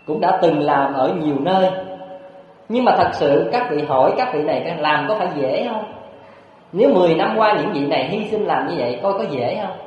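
A man preaching a Buddhist sermon, animated and storytelling, with frequent rhetorical questions to his listeners. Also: a little high, slight background noise. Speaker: Buddhist monk. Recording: echoey hall, dull lo-fi sound.

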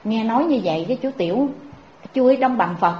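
A woman's voice: a little high, a little fast, slight background noise. Southern Vietnamese woman preaching. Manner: animated, addresses the audience directly. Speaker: Buddhist preacher. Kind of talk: sermon with storytelling. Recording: dull echoey recording.

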